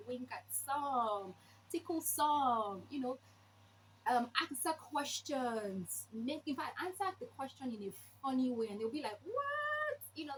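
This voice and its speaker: A woman giving an informal instructional talk, explaining step by step with emphasis and rhetorical questions. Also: on the high side. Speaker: presenter sharing read-aloud tips. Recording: clearly noisy background.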